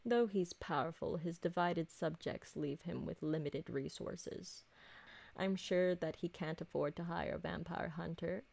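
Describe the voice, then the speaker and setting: A woman plays a graceful, possessive vampire noblewoman doting on her servant in an ASMR roleplay, using formal, carefully enunciated speech. Her voice sits low, creaky and a little mellow, and she sounds worried.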